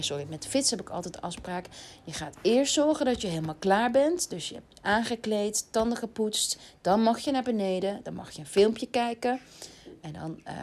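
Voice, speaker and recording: A woman's voice: mid-range voice, darkish tone. A woman in her thirties with a Dutch accent, hosting a podcast and giving casual advice in a chatty way, with many fillers and self-corrections. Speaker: podcast host.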